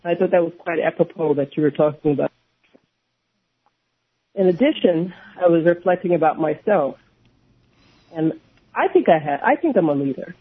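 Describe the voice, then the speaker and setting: A woman calling in to a radio show, her cell phone voice fading in and out, talking in a hesitant, halting way. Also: deep voice, lively intonation. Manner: hesitant, halting, restarts words. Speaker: radio call-in caller. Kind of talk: call-in conversation. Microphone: cell phone earpiece. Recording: tinny, husky cell phone line fading.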